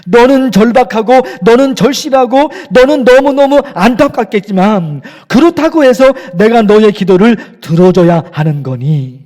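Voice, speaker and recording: A man's voice: very high voice, lively intonation, normal speed, hardly any pauses, a little mellow. A man voicing God questioning a believer who is praying, asking probing and demanding questions. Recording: echoey church hall.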